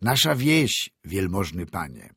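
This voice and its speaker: A man voicing a gruff, plainspoken village coachman who shouts over the wind in a hearty peasant way. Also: deep voice, big pitch swings, slow, no echo, clean studio sound, heavily acted.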